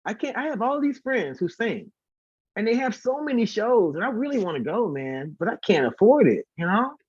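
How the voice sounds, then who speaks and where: A very animated, high-pitched man with a breathy edge speaks at a moderate pace in a muffled recording with no echo. He's a singer and concert organizer being interviewed, chatting casually and repeating words to stress them.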